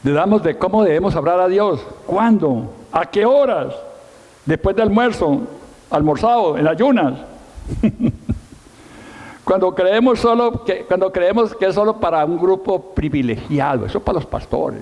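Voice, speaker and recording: A middle-aged pastor preaches in a church hall with long reverb. His voice is mellow and fairly high for a man. He tells his story with emphasis and self-mocking humor. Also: animated, normal speed. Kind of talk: sermon.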